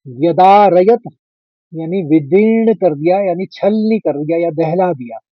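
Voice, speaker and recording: A high-voiced man leads an unhurried pronunciation lesson, breaking a sacred verse into parts and chanting each line slowly and drawn out. The recording is dry and slightly dull, with no room sound around the voice. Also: animated, no echo. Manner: slow, drawn-out chanting of verse lines between plain explanations. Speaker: Sanskrit recitation teacher.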